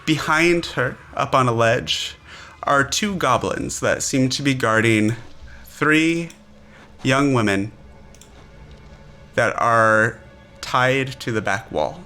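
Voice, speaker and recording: A man narrating a tabletop game as game master, with halting, deliberate phrasing. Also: medium pitch, expressive, bright, forceful tone, faint music behind. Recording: faint background noise.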